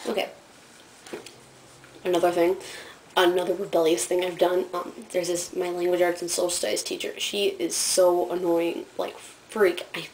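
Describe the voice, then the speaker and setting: A woman's voice: on the low side, a little mellow, a little hiss or hum, low-quality recording. Giggly teen girl rambling through school stories. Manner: giggly, rambling, lots of fillers. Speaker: student vlogger. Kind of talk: casual storytelling vlog.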